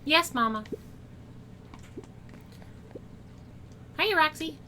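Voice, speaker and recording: A woman's voice: sits high, expressive, normal speed, pushed and bright, a little hiss or hum. A woman voicing an eager, polite young boy who helps out, reading game dialogue in character. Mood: eager, chirpy. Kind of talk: video game dialogue read aloud in character.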